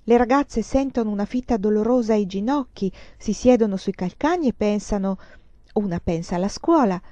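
Woman reading a novel aloud, dark voice. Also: mid-range voice, lively intonation, normal speed, no echo, dull audio. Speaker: reader.

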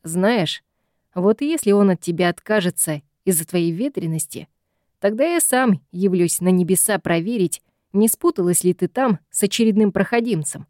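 A woman's voice: medium pitch, expressive, normal speed, darkish tone, no room sound, studio quality, close to an everyday voice. A woman reading an audiobook, voicing an exasperated young man who pleads with his meddling mother. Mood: wry.

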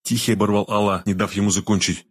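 Low-voiced male audiobook narrator. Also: flat delivery, quick pace, slightly rough, no room sound, studio quality. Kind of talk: first-person book narration.

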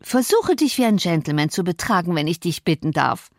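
A woman's voice: on the low side, big pitch swings, a little fast, no room sound, studio quality. A woman voicing a sickly, sneering teenage boy in an audiobook, with a mocking, prissy manner.

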